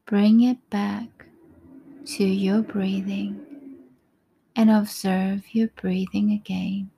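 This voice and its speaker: Slow, breathy woman guiding meditation. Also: mid-range voice. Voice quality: soft, breathy, often near a whisper. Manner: calm, soothing, unhurried short phrases with pauses. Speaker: meditation guide.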